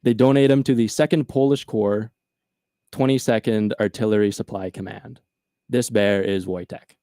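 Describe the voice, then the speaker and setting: Male podcast host, animated storyteller, casual, dry recording. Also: fairly low pitch, moderate pace, clear, resonant tone, no room sound.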